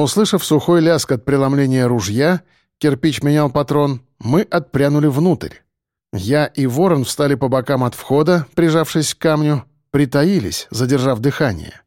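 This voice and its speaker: A man reading first-person scripted narration for an audiobook in an expressive, dramatic way, close to a studio mic. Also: on the high side, no room sound.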